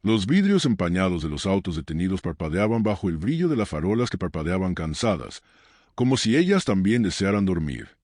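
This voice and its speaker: A man narrating a scripted story in a measured way with dramatic pauses. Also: low-pitched, very animated, darkish tone, no echo, studio quality.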